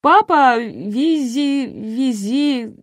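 A woman's voice: high voice, animated, measured pace, no room sound, studio quality, pitched above the performer's own voice. A woman voicing a brash, crude young female pop singer in an audiobook, with coarse slangy outbursts. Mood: crude, flustered. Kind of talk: audiobook reading.

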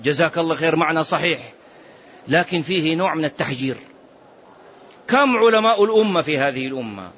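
High-voiced male teacher, muffled recording. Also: fast, long pauses. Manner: animated, repeats key phrases, quizzes the audience. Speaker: religious teacher. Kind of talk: religious lesson commentary. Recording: muffled lo-fi recording with faint noise.

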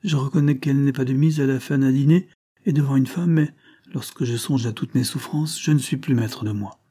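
A man's voice: mid-range voice, steady tone, a little fast, warm tone, husky, close to an everyday voice. A man reading a novel aloud, voicing a grieving man once wrongly accused of murder, heartfelt and mournful. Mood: agitated. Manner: heartfelt, mournful, tearful pleading.

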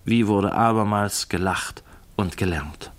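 A man reading a classic novel aloud as narrator, in a measured, clear storytelling manner. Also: fairly low pitch. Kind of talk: scripted literary reading.

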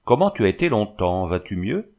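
A man's voice: fairly low pitch, big pitch swings, fairly quick, a little mellow. A man voicing a curious, eager provincial wife of a notary in a storybook reading.

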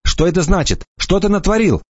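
A man's voice: high voice, lively intonation, a little fast, breathy edge, no echo, pitched above the performer's own voice. Fierce frightened girl with a knife, as a man puts her on. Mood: harsh, commanding. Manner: hissing, threatening, shouting. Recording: dull dry studio recording.

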